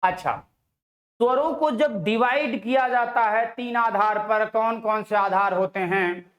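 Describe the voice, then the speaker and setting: A man's voice: sits high, a little slow, fairly bright tone, roomy sound. A male Hindi grammar teacher giving an exam-prep lesson. He asks rhetorical questions, answers them himself and draws out example syllables.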